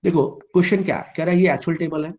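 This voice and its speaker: High-voiced man teaching online. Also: dull audio. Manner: asks questions and answers them himself; teasing, pushes students to reply fast. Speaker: online tutor. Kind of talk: live online class.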